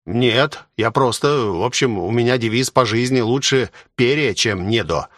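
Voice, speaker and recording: Brief: reader doing anxious apologetic sidekick, slightly raised voice, dry close mic. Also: male voice, medium pitch, normal speed, dry recording, close to an everyday voice. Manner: fretful, apologetic, rambling. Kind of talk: audiobook reading.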